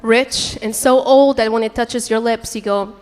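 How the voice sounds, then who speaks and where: A young Portuguese woman, a native speaker, works a club stage with a handheld mic, delivering a crude, brash stand-up set full of coarse punchlines and quick asides to the crowd. Her voice is fairly high with a darkish tone and fairly even intonation. The live recording has long reverb, with audience laughter and chatter behind her.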